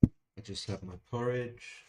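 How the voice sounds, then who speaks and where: A man's voice: mid-range voice, steady tone, measured pace, heavy background noise. A man streaming an online backgammon game, chatting casually in a dry, self-deprecating way and muttering his thoughts to himself at a desk microphone.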